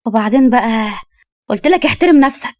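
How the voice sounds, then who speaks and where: A woman voicing a bold, teasing young woman in her twenties, with an Egyptian accent and quick comebacks. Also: a little high, darkish tone, no room sound, studio quality, pitched above the performer's own voice, lightly acted. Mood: annoyed.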